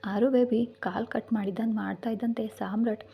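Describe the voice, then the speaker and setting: Breathy woman reading a story. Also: fairly high pitch, steady tone, normal speed, dark tone.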